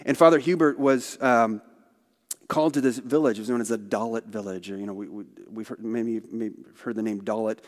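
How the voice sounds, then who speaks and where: A man's voice: lowish voice, fairly even intonation, fairly quick. A man speaking for a missionary organization, telling stories in a conversational church talk with asides. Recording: long hall reverb.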